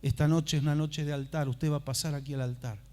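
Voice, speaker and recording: Pastor guy preaching in church, pretty high voice, tells it dramatic, goes quiet then loud. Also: steady tone, quick pace. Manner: dramatic storytelling preacher, swings from hushed to loud. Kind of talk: sermon. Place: church service.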